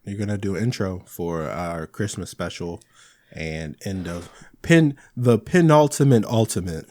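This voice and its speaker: A man's voice: deep voice, lively intonation, a little slow, darkish tone. A man cohosting a podcast in casual chat, swearing often with exasperated asides. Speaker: podcast co-host.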